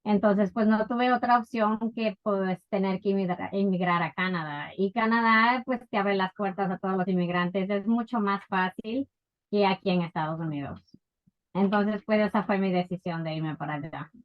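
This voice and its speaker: A woman from Ecuador telling her life story as an interview guest, unhurried and full of fillers. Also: medium pitch, muffled recording. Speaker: guest entrepreneur. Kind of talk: casual interview.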